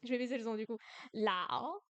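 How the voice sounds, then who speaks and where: A woman's voice: on the high side, moderate pace, a little mellow, highs cut off. A young woman from France in a casual livestream study session, repeating syllables aloud and exaggerating the tones. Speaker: streamer learning Chinese.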